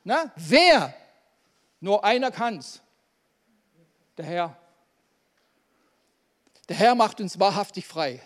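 A man's voice: sits high, sing-song, takes it slowly, long pauses, fairly bright tone. A man preaching a sermon to a congregation, emphatic, calling out Amens and asking the room questions. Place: church hall. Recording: long hall reverb.

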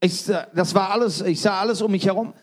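A man interpreting a sermon live, phrase by phrase, with quick restarts and fillers. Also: high-pitched.

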